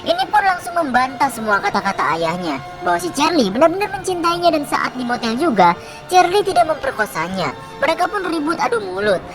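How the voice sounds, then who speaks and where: A woman's voice: high voice, sing-song, fairly quick, music in the background. A woman narrating a film recap in a casual, chatty style with slang asides.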